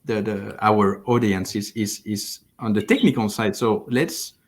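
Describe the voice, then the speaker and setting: A man's voice: lowish voice, fairly even intonation, a little slow, a little hiss or hum. A man in his thirties from France, explaining thoughtfully with frequent restarts as a platform engineering lead, on a headset over a video call from his living room. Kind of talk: livestream interview.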